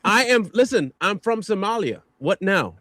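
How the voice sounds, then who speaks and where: A man with a high, bouncing voice trades mocking jabs in casual livestream banter. The sound is dry and close, with no room around it. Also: no echo. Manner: animated, mocking, quick to laugh. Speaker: livestream co-host.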